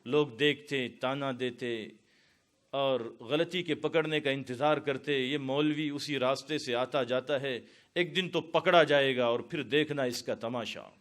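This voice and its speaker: A man's voice: medium pitch, a bit bright. A man from India preaching a storytelling sermon to a gathered audience, building to impassioned climaxes. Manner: dramatic, rising to impassioned climaxes.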